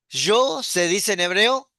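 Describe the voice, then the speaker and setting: A man, a pastor teaching an online class, explaining patiently and repeating words slowly. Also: high voice, sharp tone, dry recording, clean studio sound.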